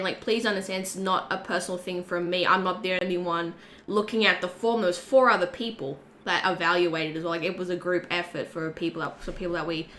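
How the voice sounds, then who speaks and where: Chatty woman podcast co-host, bright clear tone, casual banter. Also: lowish voice, slight background noise. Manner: chatty and animated, frequent "like" fillers. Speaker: podcast co-host and community co-leader.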